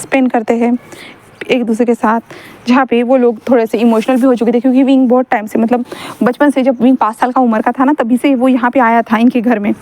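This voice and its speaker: A young woman casually retelling a story she wrote, chatty and rambling, often stopping to correct herself. Her voice sits a little high and has a soft, mellow tone. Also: level tone, a little fast.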